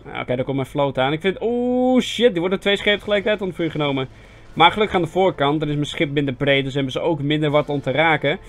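A young Dutch man giving casual, self-mocking commentary on a strategy game, chatty with sudden excited yelps. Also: on the high side, fast talker. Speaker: gaming video host. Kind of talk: casual let's-play commentary. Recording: faint game music behind voice.

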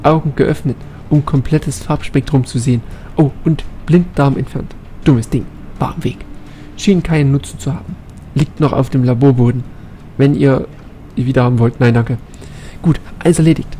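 A man's voice: mid-range voice, fairly even intonation, moderate pace, mellow, slight background noise, close to an everyday voice. A man voicing a brusque, eccentric alien scientist in clipped, terse sentences while reading game dialogue aloud.

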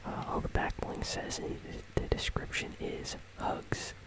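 Whispering unhurriedly the whole time, a gaming host offers ASMR commentary on an in-game item shop. The breathy, unvoiced delivery stays soft and relaxed as it drifts gently from one remark to the next.

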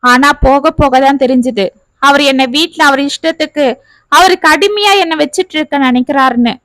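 A woman's voice: high voice, moderate pace, a bit bright, dry recording, low-quality recording. A woman reading the part of a young married woman, hurt and bitter, pouring out her grievances in a family story. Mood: aggrieved.

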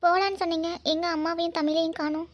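A woman's voice: very high-pitched, level tone, fast talker. A woman voicing dramatic, emotional cartoon dialogue. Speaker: cartoon voice actor.

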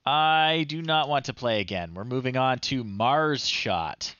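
This streamer, a man in his thirties hosting a retro game show, speaks in a mid-range voice that is bright, forceful, smooth and animated, though a little slow, with no echo. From a small room at home he casually commentates, reads screen text aloud and makes amused, playful asides, all in a dry, slightly dull close-up recording.

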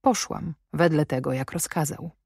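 A woman narrates a classic novel in a measured, even way. Her voice is low, recorded close and dry. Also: creaky, breathy edge, dry recording. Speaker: audiobook narrator. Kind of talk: scripted narration.

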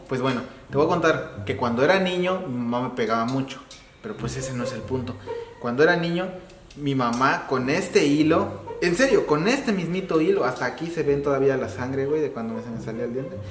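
A young man with a Mexican accent acting an excitable, scheming friend in a web comedy sketch, theatrical and slangy. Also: mid-range voice, brisk, slight background noise, close to an everyday voice. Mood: coaxing. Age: young adult. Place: indoors in a bare, hard-walled house room. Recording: roomy echo, music bed behind.

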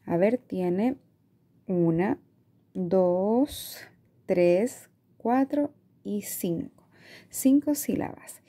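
A woman teacher with a Chilean Spanish accent, explaining a reading lesson to parents in a slow, patient way, stretching out words and checking in with "¿ya?". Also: on the high side, warm tone. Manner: asks "¿ya?" often.

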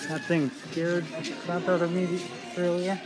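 A man's voice: high voice, little pitch movement, a little slow, poor audio. A young man filming himself on a handheld phone, casually narrating as he wanders through an indoor flea market. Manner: rambling, offhand commentary while walking. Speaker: vlogger. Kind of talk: casual walking vlog. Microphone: handheld phone camera at arm's length. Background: loud background music.

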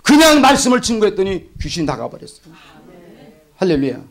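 A man preaching a revival sermon as pastor, swinging between loud exclamations and hushed asides. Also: high voice, big pitch swings, a little fast. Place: church sanctuary.

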